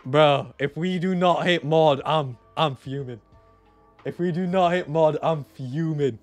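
A young man streaming a strategy game, chatting to his viewers, excitable, repeating himself and bursting into shouts and laughter. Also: fairly high pitch, unhurried, dry recording, faint music behind. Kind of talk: live gameplay commentary to chat.

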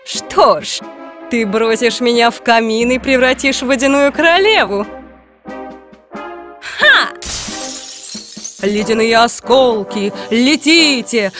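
A woman's voice: on the high side, a bit bright. A woman voicing a cold, wicked ice queen who speaks in a commanding, imperious way.

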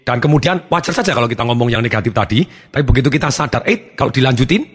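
A man giving a motivational talk, acting out examples of tone with big swings in pitch. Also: expressive, quick pace, husky. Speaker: motivational speaker.

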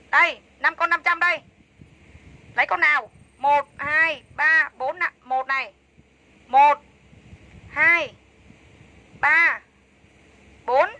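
High bright-voiced woman selling live. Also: poor audio. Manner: chatty, enthusiastic sales pitch, repeats prices. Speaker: livestream clothing seller. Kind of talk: fast live-sale patter.

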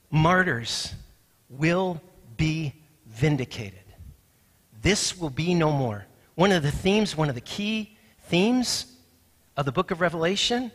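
Emphatic husky-voiced male pastor preaching. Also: fairly high pitch, a bit bright, big-room sound. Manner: emphatic, repeats key points with rising force. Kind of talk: sermon. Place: church sanctuary.

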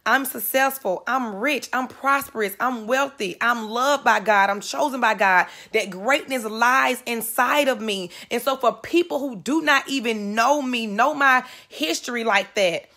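A woman in her thirties speaks to live viewers in an earnest motivational talk, her high voice near tears. She leans on repetition, circling back to the same phrases for emphasis. The delivery is emotional and heartfelt. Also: unhurried, hardly any pauses, sharp tone. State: close to tears.

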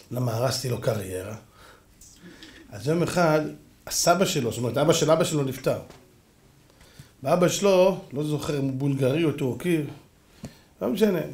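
A man, a rabbi, giving a sermon with animated storytelling and acted-out voices. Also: mid-range voice. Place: lecture hall. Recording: echoey hall.

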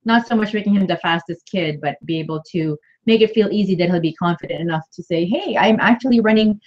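A woman's voice: lowish voice, fast talker, darkish tone. A woman co-hosting a casual live stream, chatty and playful. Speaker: co-host. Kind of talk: casual chat. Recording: dull lo-fi livestream audio.

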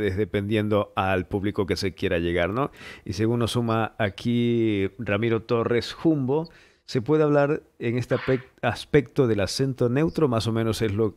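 A man hosting a podcast, relaxed as he reads listener questions. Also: lowish voice. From Ecuador. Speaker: podcast host. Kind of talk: conversational podcast interview.

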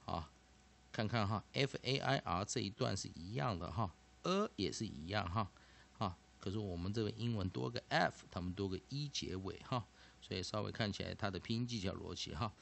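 A man teaching a vocabulary and pronunciation lesson, explaining slowly and deliberately. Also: fairly low pitch, creaky, fairly bright tone.

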